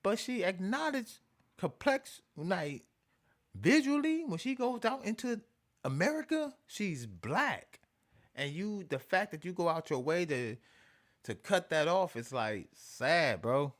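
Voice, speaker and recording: A man hosting an animated commentary rant, repeating himself emphatically with profanity and mocking asides. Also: sits high, takes it slowly. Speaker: show host.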